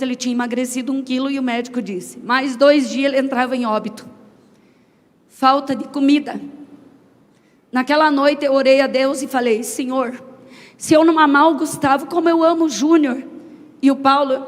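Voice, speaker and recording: A woman giving an emotional personal testimony, telling a family story and acting out the voices she quotes. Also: sits high. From Brazil. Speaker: testimony speaker. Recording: long hall reverb.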